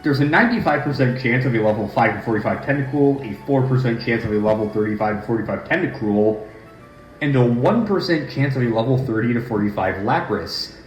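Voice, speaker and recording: Chatting and cracking jokes while he plays, a man delivers casual let's play commentary at a middle pitch, fairly quick and with lively intonation. A large, echoey room at home carries his voice over soft background game music.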